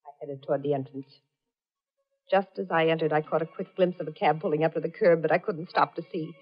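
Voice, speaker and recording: A woman's voice: sits low, fairly even intonation, fast talker. An actress playing a hunted, desperate woman who narrates her own story in a 1940s radio drama, heard through an old AM radio broadcast. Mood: tense. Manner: tense first-person storytelling. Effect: old AM radio broadcast sound. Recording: muffled 1940s AM radio broadcast with faint music.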